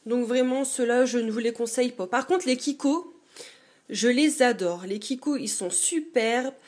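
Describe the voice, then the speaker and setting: A woman's voice: on the high side, moderate pace, a little mellow. A young woman chatting casually about her own collection in a dim bedroom, hesitant and full of fillers. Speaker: beauty vlogger. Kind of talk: casual show-and-tell.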